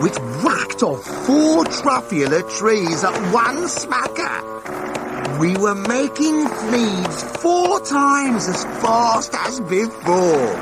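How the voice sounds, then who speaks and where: A man's voice: high-pitched, wildly swooping pitch, full character voice. A man voicing a greedy, boastful tycoon who tells his own tale in a theatrical storybook reading, with music behind him. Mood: excited. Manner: theatrical, gleeful, drawn-out emphasis. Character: greedy, brash, boastful male Once-ler tycoon telling his tale.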